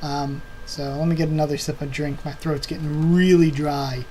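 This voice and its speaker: Sitting at his home desk, a young host of an anime video channel chats loosely about the upcoming season, filling it with ums and uhs. The delivery is flat and warm in a mid-range voice at normal speed, over the hum of a computer fan.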